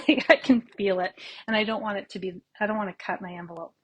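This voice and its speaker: A woman's voice: mid-range voice, fairly even intonation, fast talker, husky, rough recording. A woman from Canada hosting a casual live papercraft tutorial from her home craft room, chatty and rambling, greeting viewers by name and slightly out of breath.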